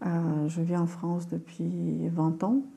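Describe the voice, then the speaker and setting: A woman from Ukraine, a lawyer, giving a halting, emotional testimony in a recorded video. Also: lowish voice, flat delivery, gravelly, mellow. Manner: halting, emotional, many fillers.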